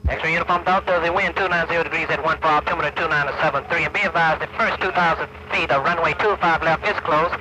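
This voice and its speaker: Fast-talking male air traffic controller over radio. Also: a little high, fairly even intonation. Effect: military aircraft radio transmission. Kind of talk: rapid formal radio procedure instructions. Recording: noisy 1960s air traffic radio recording. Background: radio and aircraft noise.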